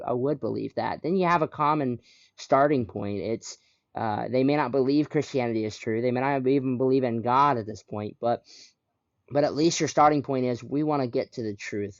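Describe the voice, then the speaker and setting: A man's voice: mid-range voice, no room sound. A male podcast host who affirms his guest and leads the talk with follow-up questions. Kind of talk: conversational podcast interview. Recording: dry, dull lo-fi audio.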